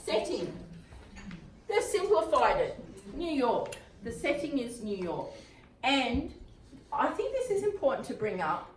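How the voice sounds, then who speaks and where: A woman's voice: medium pitch, a little mellow, slight background noise. An Australian woman presenting a writing workshop in a chatty way, laughing at her own asides. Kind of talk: live workshop talk. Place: workshop room at a retreat. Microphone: distant room mic. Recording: echoey room, voice from far off.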